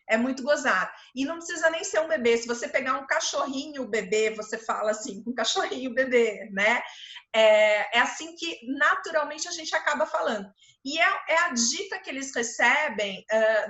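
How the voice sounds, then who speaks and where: A woman talks teachers through her subject in a relaxed, conversational way, leaning on everyday examples and filler words. Her voice sits high and sounds bright. The recording carries a noticeable room echo. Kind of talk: informal lecture.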